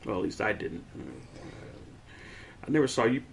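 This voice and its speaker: A man's voice: on the low side, animated, moderate pace, vocal fry, slight background noise. A man co-hosting a casual sports podcast, joking and laughing often, rambling as he recalls old games. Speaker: podcast co-host.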